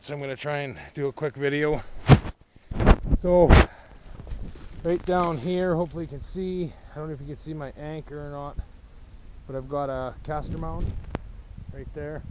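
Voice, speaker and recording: A man's voice: medium pitch, a little mellow, a little hiss or hum. A man out of breath after a hard walk in, narrating a casual outdoor vlog at a pond in a plainspoken, rambling way, recorded on an action camera. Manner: plainspoken, rambling, matter-of-fact. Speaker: trapper filming his own channel.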